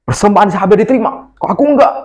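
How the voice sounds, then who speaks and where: A man voicing a jealous, angry young man in a storybook telling, complaining in a high, whiny voice. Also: fairly even intonation, a little slow, a little mellow, close to an everyday voice. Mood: angry whining.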